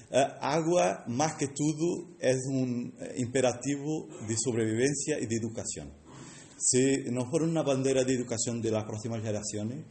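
A man's voice: mid-range voice, dark tone. Portuguese-accented man speaking in an echoey room. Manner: halting, searching for words. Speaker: guest speaker at an event. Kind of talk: short public speech in Spanish mixed with Portuguese. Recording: echoey room with faint noise.

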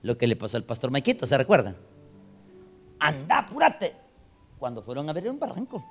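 A man's voice: mid-range voice, huge pitch swings, a little fast, slightly rough, soft background music. A man preaching a sermon and reading Bible verses aloud, calling his listeners brothers and asking them rhetorical questions. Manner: addresses the congregation as brothers, asks rhetorical questions.

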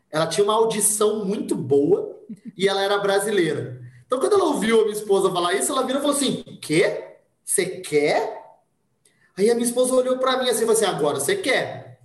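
A man from Brazil telling a personal story in casual conversation, with lively delivery and voices acted out for the people in it. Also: sits high, quick pace, reverberant. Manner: animated, acts out voices in anecdotes. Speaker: podcast guest.

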